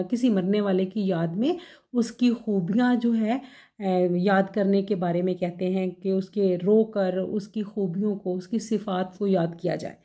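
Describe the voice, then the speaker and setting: A woman teaches pronunciation at an unhurried, deliberate pace. Her voice is warm and mellow, and she corrects one word after another with calm care. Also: medium pitch. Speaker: language teacher. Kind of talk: pronunciation lesson.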